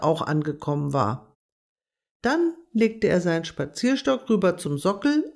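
A narrator reading a children's storybook aloud in a gentle, measured way. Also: medium pitch.

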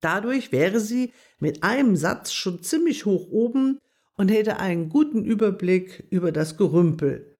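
A woman narrating a children's animal story in a calm, gentle reading voice. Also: mid-range voice, measured pace.

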